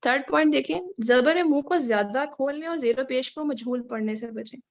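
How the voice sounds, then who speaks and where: A woman teaching Quran recitation in an online lesson over slides. She talks slowly and patiently, stretching out Arabic words to show how they are pronounced. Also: high voice, dull audio. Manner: slow, patient, drawing out Arabic words to demonstrate pronunciation.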